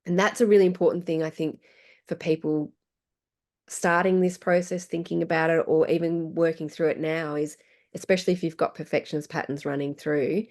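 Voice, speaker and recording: Woman telling her story, low-pitched. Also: a little fast. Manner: animated, laughs often. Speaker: podcast guest sharing her story. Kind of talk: casual conversational storytelling.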